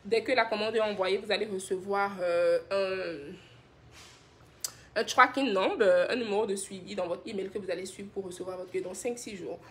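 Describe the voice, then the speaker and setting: Her mid-range voice moves at a normal speed as she hosts a skincare brand's live stream. This woman from Benin reads comments aloud, responds to viewers' skincare questions in an affectionate, chatty way, and laughs frequently.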